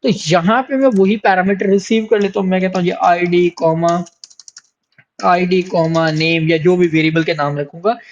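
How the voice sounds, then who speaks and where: A man's voice: high-pitched, fairly even intonation, normal speed, lo-fi sound, slight background noise. A man teaching programming in a coding tutorial. He explains step by step, repeats his points, and often stops to check in with the learner. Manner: explanatory, repeats points, frequent "theek hai" check-ins and hesitations. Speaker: programming instructor. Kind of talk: screen-recorded coding tutorial.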